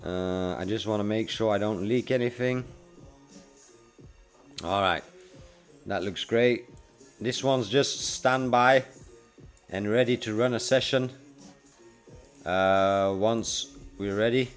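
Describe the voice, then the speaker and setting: Speaking slowly with long pauses, a man in his forties addresses his livestream audience in a laid-back, slangy manner. He's a livestreamer and freelance web developer with a lowish voice, and music plays behind him.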